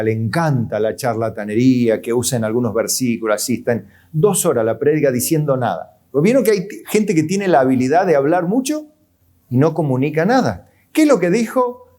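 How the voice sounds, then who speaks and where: A man's voice: on the high side, expressive, fairly quick, dark tone. A man pastor with an Argentine accent, preaching a sermon in a conversational way, full of rhetorical questions and light chuckles. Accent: Argentine Spanish.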